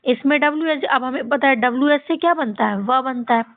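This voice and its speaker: A woman teaching English phonics to children, sounding words out letter by letter, repeating each one, and often checking in with the class. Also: brisk. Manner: often ends with a high-pitched tag question to the children. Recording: tinny, phone-like audio.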